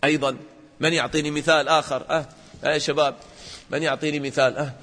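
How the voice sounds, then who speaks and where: A man teaching a religious lesson to children, questioning the class and acting out examples in an animated way. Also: on the high side, rapid-fire, big-room sound.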